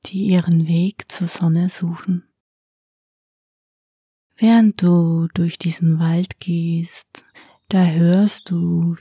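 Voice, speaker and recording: A woman narrating a sleep story softly and soothingly, unhurried, with long pauses between phrases. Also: lowish voice, slightly rough, no room sound. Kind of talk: slow, hushed sleep story narration with guided relaxation.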